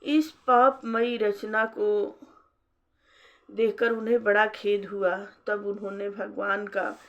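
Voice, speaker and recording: Devotional storyteller, woman, unhurried measured recitation, muffled recording. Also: mid-range voice, flat delivery. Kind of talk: scripture narration. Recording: dull lo-fi recording.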